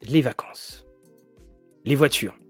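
A man's voice: medium pitch, takes it slowly, husky, no room sound, faint music behind. A man hosting a casual show about role-playing games and series, rambling with many restarts and fillers. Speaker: tabletop RPG and series show host. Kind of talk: casual chat to viewers.

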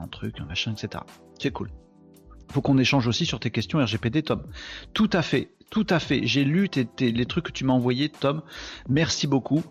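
A man's voice: medium pitch, dull audio. Chatty man hosting a live stream. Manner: chatty, joking, addresses viewers by name. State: tired. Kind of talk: casual live stream chat.

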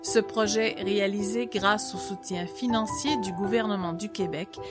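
A woman reading the closing credits of a podcast in a clear, even delivery. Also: medium pitch, moderate pace. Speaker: announcer. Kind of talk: scripted credits read. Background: loud music.

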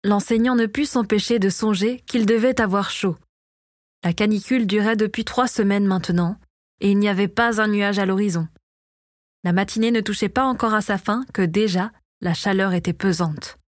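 A woman reading a fantasy novel aloud as narrator, in a steady storytelling voice, close to the mic. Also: mid-range voice, moderate pace, dry recording. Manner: steady, even storytelling read. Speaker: audiobook narrator. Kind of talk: scripted narration.

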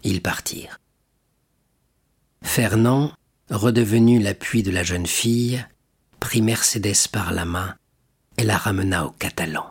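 A man narrating a classic novel as an audiobook reader, in a steady, measured way. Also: on the low side, husky.

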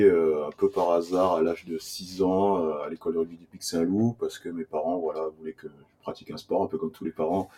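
Low, mellow-voiced man, halting speech. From Burkina Faso. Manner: hesitant, many "euh" fillers and restarts. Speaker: guest, former rugby player. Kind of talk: casual interview answers.

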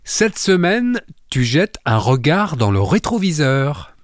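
Male radio host, animated pitch, slightly high, prompting questions over a music bed. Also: takes it slowly, no echo, studio quality. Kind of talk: radio show hosting.

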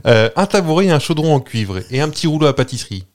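This podcast host tells a story in casual chat, playful and rambling, with plenty of hesitations. He talks fast, and his slightly high voice has a sing-song lilt.

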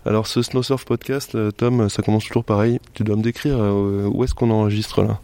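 Low-voiced podcast host. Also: male voice, fairly even intonation, moderate pace, dark tone, clean tone. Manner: friendly, prompting questions. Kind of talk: casual interview.

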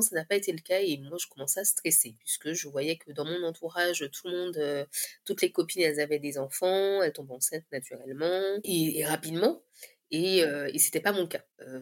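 A woman in her thirties from Guadeloupe, with a low-pitched voice, gives a candid personal testimony in conversation. She often pauses mid-phrase while searching for the right words.

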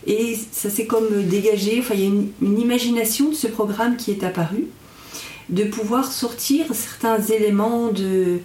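In a reverberant room, a woman talks at some distance from the microphone. Her voice sits at a middle pitch. She explains reflectively and haltingly as an interviewed instructor, often searching for the right words. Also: dark tone. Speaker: mindfulness instructor and guest.

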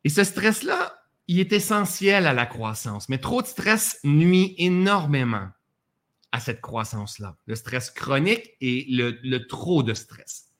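A man's voice: on the high side, sing-song, unhurried, fairly bright tone. A man with a Québécois accent teaching a live masterclass in a conversational way, breaking off for joking asides about himself. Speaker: personal development speaker.

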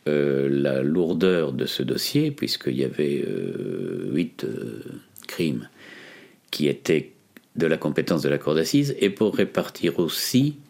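A man in his sixties from the Ardennes, with a metropolitan French accent, recounts his experience as a lawyer in a hesitant, deliberate manner. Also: rumbling low, very animated, creaky, darkish tone. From Ardennes, France. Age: 60s. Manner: hesitant, deliberate, frequent long pauses. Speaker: defence lawyer. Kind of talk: recounted testimony in an interview.

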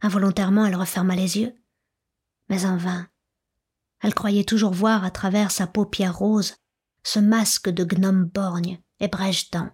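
Breathy woman narrating a classic novel. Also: mid-range voice, little pitch movement. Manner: soft, measured, often slipping into a whisper. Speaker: audiobook narrator. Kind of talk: literary audiobook narration.

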